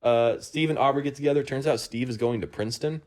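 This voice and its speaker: A man's voice: medium pitch, fast, a little mellow, slight background noise. A man hosting a casual podcast, rambling through a movie plot recap with lots of ums and uhs among friends. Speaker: podcast host.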